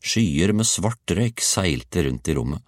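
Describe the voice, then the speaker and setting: A man reading a children's story aloud, with an expressive, playful delivery. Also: deep voice, dry recording, clean studio sound. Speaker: audiobook reader. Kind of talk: storybook narration.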